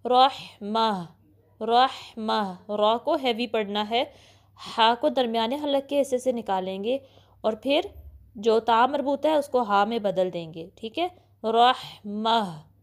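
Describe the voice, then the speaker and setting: एक महिला शिक्षिका, जो धैर्य से धीरे-धीरे तजवीद का उच्चारण सिखाती है और अक्षरों को बार-बार दोहराती है।. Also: female voice, on the high side. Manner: patient, repeats syllables slowly, often says "okay". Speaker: Quran recitation teacher. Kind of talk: slow step-by-step pronunciation lesson.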